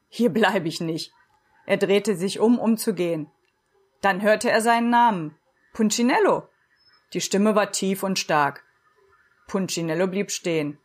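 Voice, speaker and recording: A woman narrating a children's storybook in a steady, expressive reading voice. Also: medium pitch. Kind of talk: storybook narration read aloud.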